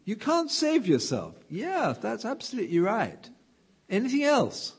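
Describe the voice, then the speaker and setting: A man's voice: high voice, huge pitch swings, a little slow, slightly rough. A man giving a sermon in a conversational way, asking the listeners questions and telling a story. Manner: conversational, asks the room questions. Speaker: preacher.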